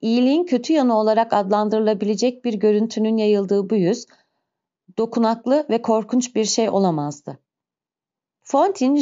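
A woman narrates a classic novel in a steady, expressive voice, with a mellow, dark tone. The recording sounds slightly muffled and dull. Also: fairly high pitch. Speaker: audiobook narrator. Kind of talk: dramatic literary narration.

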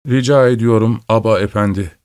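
Storybook figure: a low-voiced, timid father, read by a man with short, curt lines. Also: fairly even intonation, brisk, a little mellow, smooth, no echo, studio quality, lightly acted.

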